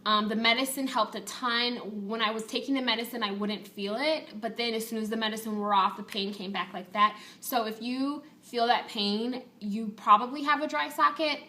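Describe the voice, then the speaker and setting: A woman chats casually to her viewers in the manner of a personal vlog update. Her voice is bright and crisp-edged, pitched a little above average. She comes across as candid and talkative, speaking informally throughout. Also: steady tone, moderate pace, few pauses, slight background noise. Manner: chatty, candid, with casual swearing. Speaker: vlogger.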